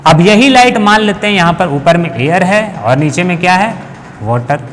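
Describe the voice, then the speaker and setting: A man's voice: high-pitched, fairly bright tone. A man teaches a physics lesson at a board. He explains step by step, often putting a question to the class and answering it himself. His voice rings in a reverberant room, with a faint hiss underneath. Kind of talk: classroom lecture.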